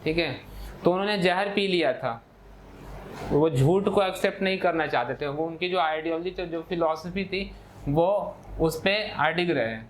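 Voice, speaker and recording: A man's voice: a little high, moderate pace, slight background noise. A man teaching a math class, explaining step by step in a patient lecture style, often checking in with "okay" and switching into for key terms. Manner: explanatory, repeats "ठीक है" often, mixes English terms in.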